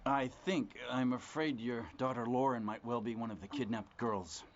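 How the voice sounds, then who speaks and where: An actor playing a private investigator who lays out grim findings in a measured, matter-of-fact way. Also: male voice, mid-range voice, close to an everyday voice. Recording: dull lo-fi dubbed film audio with faint hiss.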